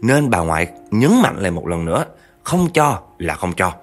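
A male storyteller with a lowish voice, telling the tale in a chatty style and turning often to his listeners. Faint music runs under his narration. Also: very animated, moderate pace. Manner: chatty, addresses listeners directly. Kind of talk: narrating a true spooky family story.

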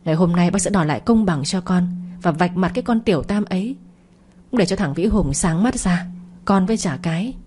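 A woman's voice: fairly low pitch, lively intonation, fairly quick, a little mellow, a little hiss or hum, close to an everyday voice. A woman voicing a domineering older mother who scolds harshly, in an audio story reading. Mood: bossy.

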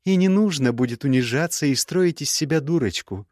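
A man reading an audiobook voices a sharp-tongued, sarcastic young woman mage in a high, mocking tone. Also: lively intonation, a little fast, dry recording, clean studio sound, close to an everyday voice. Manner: cutting, mocking, icy sarcasm. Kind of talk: audiobook character voice.

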